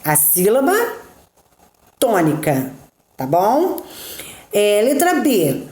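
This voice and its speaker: A woman teaches a lesson in a slow, unhurried way, counting syllables aloud one at a time. She keeps checking that her students are following along. Her voice carries a roomy echo. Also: medium pitch, wildly swooping pitch, mellow. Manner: slow and patient, checking in with frequent "tá?" and "né?". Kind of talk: recorded remote class, going through textbook exercises.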